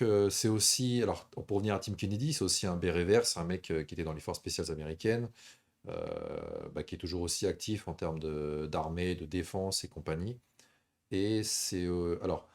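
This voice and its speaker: A man hosting a live stream with a low, radio-presenter voice. He tells stories in a casual, conversational way that is easy to follow. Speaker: host of a combat sports stream.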